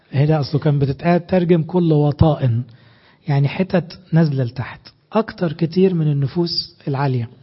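Husky Egyptian preacher, lo-fi sound. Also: male voice, on the high side. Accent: Egyptian Arabic. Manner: animated, emphatic preaching with rhetorical questions. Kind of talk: sermon.

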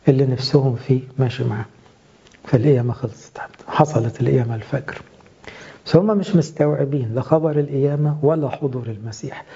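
A man's voice: mid-range voice, vocal fry, warm tone, slightly rough. A man with an Egyptian accent giving an earnest, pastoral sermon, speaking to his listeners as "my dear.". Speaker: preacher. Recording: dull lo-fi recording.

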